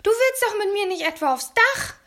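A woman's voice: extremely high pitch, expressive, normal speed, bright, forceful tone, pitched above the performer's own voice, heavily acted. A woman voicing a small, clever, pedantic boy who lectures and shrieks when upset. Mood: shrieking.

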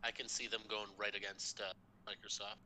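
A man with a very bright, sharp voice chats on a podcast, with faint noise behind him. He jumps in with quick replies and often restarts his sentences. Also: on the low side, flat delivery, rough recording. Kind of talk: casual podcast chat.

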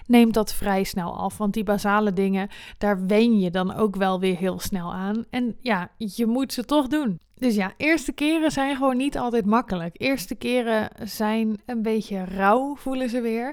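A woman's voice: medium pitch, unhurried, a little mellow, clear, resonant tone, no room sound, studio quality. A woman in her twenties hosting a personal podcast, speaking candidly and swearing freely. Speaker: podcast host.

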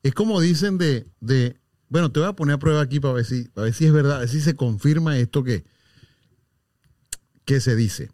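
A man's voice: mid-range voice, brisk, dark tone, no room sound, studio quality. A man, a comedian hosting a casual podcast chat and playfully quizzing his co-host. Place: recording studio. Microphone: studio microphone.

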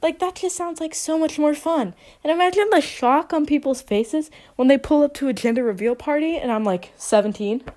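A woman's voice: medium pitch, warm tone. A young woman hosting a casual solo podcast, talking in a chatty, rambling way and saying "like" a lot. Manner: chatty, rambling, heavy use of "like". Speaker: podcast host.

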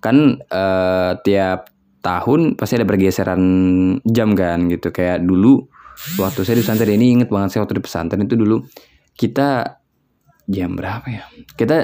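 A young man from West Java talks in a loose, rambling solo chat, thinking aloud and padding his sentences with fillers. His voice sits on the low side, with a dark, mellow tone. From West Java, Indonesia.

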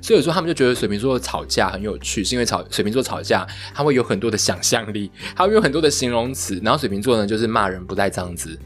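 A man co-hosting a casual chat podcast, an animated storyteller who acts out what his friends said. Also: medium pitch, racing, few pauses, soft background music. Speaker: podcast co-host.

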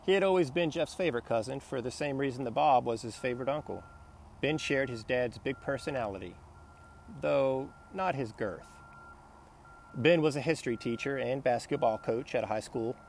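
A man narrating a business novel in a steady, plain storytelling voice. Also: medium pitch, moderate pace, vocal fry, a little hiss or hum. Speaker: audiobook narrator. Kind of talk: scripted narration.

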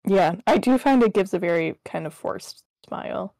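A woman co-hosting a casual podcast, chatting in a friendly, relaxed way. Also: mid-range voice, normal speed, gravelly, no room sound, low-quality recording. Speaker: podcast co-host. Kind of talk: casual chat.

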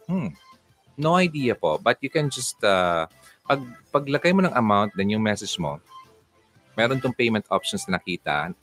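A man hosting a casual livestream, answering viewer comments and giving relationship advice in a chatty, teasing way. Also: fairly low pitch. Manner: chatty, teasing, animated, switches into English.

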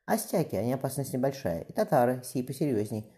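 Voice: mid-range voice, very animated, quick pace, mellow. A reader voicing a stern Cossack ataman. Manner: blunt old-fashioned speech. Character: Cossack ataman, grown man, stern and decisive. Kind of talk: audiobook character voice.

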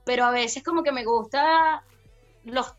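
A woman talks in a playful, flirty way that rambles from thought to thought. Her voice sits a little high, and she speaks as the host of her own segment in a casual radio chat. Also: measured pace, highs cut off, soft background music.

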